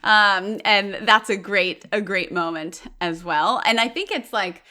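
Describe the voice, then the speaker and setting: Bright, enthusiastic woman talking films. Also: mid-range voice, a little slow. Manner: enthusiastic, gushing, lots of ums and likes. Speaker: podcast co-host. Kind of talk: casual film discussion.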